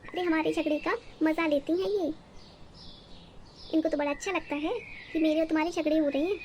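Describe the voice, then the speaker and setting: Voiced by a woman in a natural voice, this angry young wife is the cartoon family's resentful daughter-in-law, high-voiced and sharp-tongued, mocking and scolding at every turn. Her sarcastic, quarrelsome delivery is steady in tone and a little fast, with a little hiss or hum in the audio.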